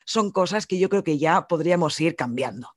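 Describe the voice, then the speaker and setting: A man's voice: moderate pace, no echo, clean studio sound. A man with a Spanish accent co-hosting a casual film podcast, talking animatedly and swearing casually. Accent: Spanish from Spain. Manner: animated, swears casually, rants with rising pitch. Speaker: podcast co-host. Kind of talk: casual film review chat.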